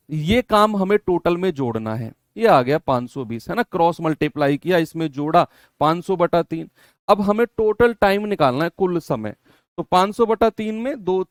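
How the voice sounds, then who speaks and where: A man teaching an online exam-prep maths lesson, explaining each step and repeating key phrases while gently scolding his students. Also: sits high, clear, resonant tone, no echo, studio quality.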